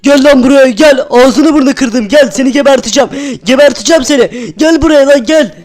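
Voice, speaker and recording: A man voicing an angry male thug villain in a video game, barking rough, menacing threats. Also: very high-pitched, a little fast, a little mellow, faint music behind, voice pushed up. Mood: threatening.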